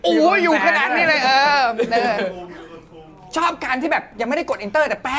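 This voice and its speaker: A man's voice: very high voice, moderate pace, crowd noise. A man hosting a live stream, bantering casually and joking with crude slang.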